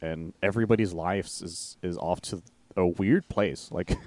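Male co-host, deep, dry, laid-back talker. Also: unhurried, dry recording. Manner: relaxed, rambling, easygoing. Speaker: podcast co-host. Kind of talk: casual review chat.

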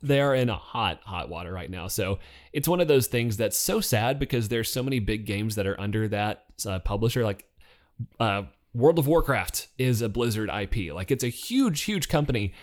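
A man co-hosting a casual news podcast who rambles through the stories with jokes and quick self-corrections. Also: fairly low pitch, expressive. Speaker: podcast co-host.

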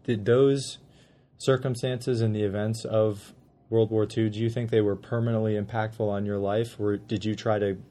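A man interviewing a survivor, asking long, measured, formal questions. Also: lowish voice, level tone, warm tone.

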